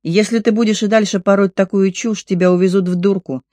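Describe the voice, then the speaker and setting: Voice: mid-range voice, fairly even intonation, brisk, a little mellow, no room sound, clean studio sound, close to an everyday voice. A reader voicing a crude, mocking neighbour woman in an audiobook. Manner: rude, mocking. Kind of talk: audiobook reading.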